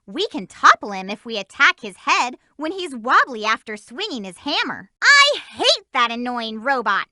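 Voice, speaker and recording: In a close, dry studio recording, a woman performs game voice lines and tutorial hints as a spirited, bossy teenage hedgehog girl. She sounds eager, upbeat, and emphatic, with a high, sing-song, exaggerated voice that is bright and forceful. She talks at normal speed with few pauses.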